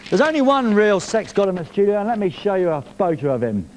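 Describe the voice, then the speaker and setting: A man hosts a live television music show in a studio, reading out viewer messages with a jokey, playful edge. His voice sits high and swoops around animatedly. A faint hiss of noise lies under it. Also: very animated, fast, darkish tone.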